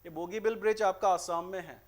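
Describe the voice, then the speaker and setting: Man, Indian accent, grammar teacher, high voice, rhetorical questions, slow deliberate sentence reading. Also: fairly even intonation. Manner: explains in Hindi, reads English sentences slowly and deliberately; asks and answers his own rhetorical questions. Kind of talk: exam-prep grammar lesson.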